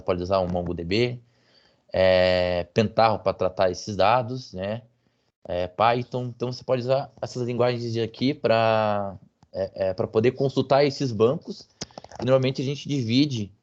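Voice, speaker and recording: Guy explaining data stuff, lowish voice, lots of um and tag questions, muffled lo-fi call audio. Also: a little mellow. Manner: hesitant, many fillers and tag questions. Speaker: guest speaker on business intelligence. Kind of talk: explanatory technical talk.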